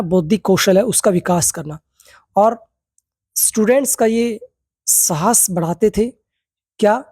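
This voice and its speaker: A man teaching a yoga theory class. He reads English text slowly, then explains it in Hindi, often checking in with tag questions and asking his students rhetorical questions. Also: sits high, mellow, no room sound, clean studio sound. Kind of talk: lecture.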